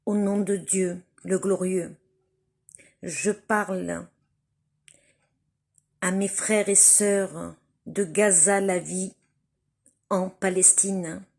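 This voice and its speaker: A woman from Algeria speaks straight to her viewers in an impassioned appeal. Her voice is husky and a little breathy, and her pace is very slow and deliberate. She hammers her points home by repeating them. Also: mid-range voice, fairly even intonation. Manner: slow, emphatic, repeats phrases for stress. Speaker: vlogger addressing viewers. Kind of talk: impassioned spoken appeal to camera.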